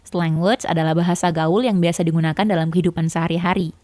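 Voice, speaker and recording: Woman, English tutor, patient step-by-step explainer, slightly low voice, dry sound. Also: steady tone, quick pace, darkish tone, no echo. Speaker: English teacher. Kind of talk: explanatory language lesson.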